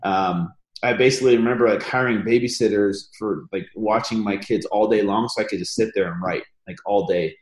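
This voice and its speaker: In a roomy recording, a man with a lowish voice speaks briskly. Appearing as a guest on a podcast, he recounts his story casually, full of fillers, in a relaxed conversational interview.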